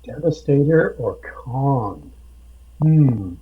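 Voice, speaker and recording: A man on a podcast, telling a tabletop game story slowly with many pauses and fillers. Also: medium pitch, animated, husky. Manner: slow, halting with many fillers. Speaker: podcast guest, game master. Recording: dull lo-fi sound.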